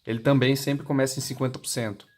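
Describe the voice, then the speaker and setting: A man with a Brazilian Portuguese accent speaks fast in a level, medium-pitched voice that's a little mellow. As an intercom seller, he gives an unscripted, step-by-step product demonstration in a plain, instructional manner. The recording is clearly noisy and has clicks.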